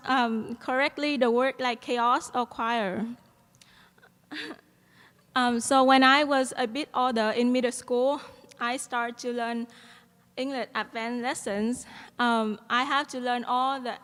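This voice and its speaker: Her voice pitched fairly high, a young Vietnamese-accented woman addresses the graduation crowd as its student commencement speaker, speaking into a podium microphone. She is earnest, dropping soft ums and light laughs often, and the sound carries with long reverb through the big hall.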